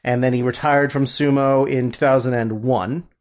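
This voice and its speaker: A man's voice: mid-range voice, fairly even intonation, normal speed. A man co-hosting a casual podcast, rambling with lots of fillers and restarts while he looks things up. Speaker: podcast co-host.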